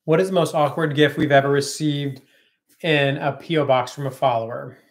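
A man's voice: on the high side, steady tone, normal speed. A man in his thirties co-hosting a casual livestream from his home kitchen, chatting and reading viewer comments aloud on a webcam. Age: 30s. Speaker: co-host.

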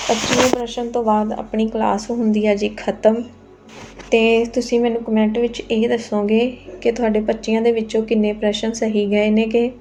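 A woman's voice: medium pitch, warm tone. Patient woman teaching. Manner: patient, polite, repeats each question with respectful "ji". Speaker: exam-prep teacher. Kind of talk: quiz lesson reading questions and answers.

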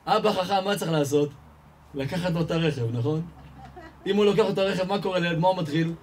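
A rabbi preaches to a live audience in a voice pitched a little above the usual male range, rising and pushing louder as his stories build. He keeps up a running stream of questions that he answers himself. Faint background noise sits under his voice. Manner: animated storyteller, asks and answers his own questions, rises in pitch and volume. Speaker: rabbi giving a Torah lesson. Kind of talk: lively sermon with stories and rhetorical questions. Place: live event hall before an audience.

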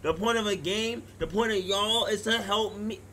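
Joking young male streamer, bright voice. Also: high-pitched, normal speed, a little hiss or hum. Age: 20s. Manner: crude, joking, talks to chat. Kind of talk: casual gaming livestream chat.

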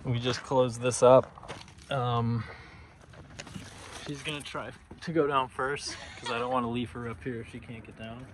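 A man exploring an abandoned building, talking tensely and quietly to his viewers. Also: medium pitch, fairly even intonation, a little slow. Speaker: urban explorer vlogger. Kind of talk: casual vlog narration. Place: inside an abandoned church. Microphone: phone camera. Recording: noisy phone recording.

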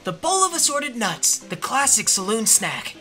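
A woman voicing an easygoing, wry cartoon sidekick with a lively voice. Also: on the high side, a little slow, loud music behind the voice.

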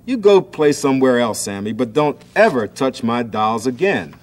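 A man reading a children's story aloud and voicing a shrill, scolding big sister. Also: big pitch swings, moderate pace, close to an everyday voice. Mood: upset. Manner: shrieking, scolding.

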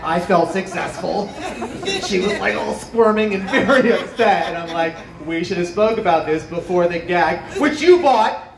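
A man in his thirties doing a stand-up comedy set into a handheld mic, animated, jumping to high yelps on punchlines, with an audience laughing. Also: normal speed, vocal fry, a crowd in the background. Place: small outdoor rooftop stage with plants. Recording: distant camera, roomy echo, noisy ambience. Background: live audience laughter.

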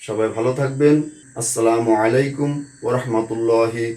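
A man teaching Quranic letter sounds, repeating each syllable patiently with a sharp stop. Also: mid-range voice, fairly even intonation, a little fast. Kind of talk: slow recitation drill lesson. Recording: roomy echo, mic at a distance.

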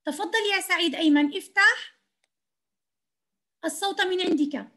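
A woman's voice: extremely high pitch, sharp tone. A woman teaching young children to read in an online class, speaking patiently and encouragingly. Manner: patient, encouraging, slow and clear. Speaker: kindergarten teacher. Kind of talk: online reading lesson.

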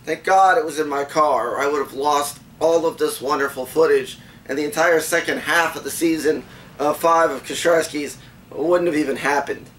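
A man's voice: on the high side, normal speed, fairly bright tone. A man hosting a casual vlog outdoors at a theme park, talking into a handheld camcorder in a chatty, self-mocking way. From Florida. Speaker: vlog host. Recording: noisy outdoor camcorder audio.

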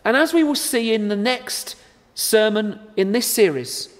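A man in his thirties preaches in a high voice, unhurried and deliberate. His earnest words ring out with a long reverberant tail from a large church interior. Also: lively intonation. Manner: measured, earnest, deliberate delivery. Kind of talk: recorded sermon to camera.

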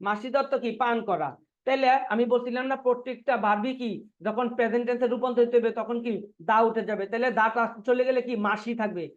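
A man's voice: extremely high pitch, steady tone, fast talker, dull audio. A man teaching a Korean language class online, drilling students by asking the same questions over and over and answering them himself. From Bangladesh.

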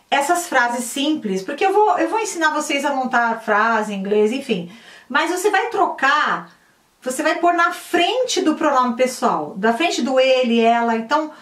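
A woman from Brazil teaching an English lesson in a chatty way, slowing down to repeat drill sentences. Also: high-pitched, fairly bright tone. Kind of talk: casual online lesson. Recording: echoey room, mic at a distance.

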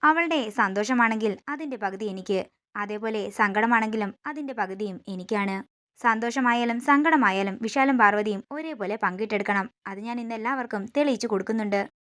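A woman's voice: on the high side, fairly quick, fairly bright tone, natural voice. A woman voicing a devoted, protective husband, reading his lines firmly within a recap. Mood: determined.

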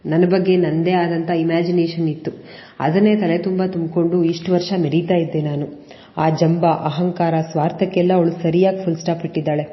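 A remorseful young man begs earnestly for forgiveness, as a woman reading the story puts him on. The voice sits low and is only lightly acted. It comes through dull, lo-fi audio with a long, hanging reverb. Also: flat delivery, moderate pace, lightly acted. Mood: remorseful pleading. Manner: pleading, apologetic.

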